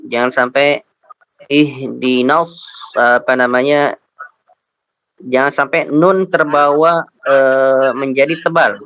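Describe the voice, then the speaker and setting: A man with an Indonesian accent teaching Quran recitation, patiently correcting pronunciation letter by letter and chanting verses slowly as models. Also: medium pitch, a bit bright, no room sound, highs cut off. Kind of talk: tajwid lesson with slow model recitation.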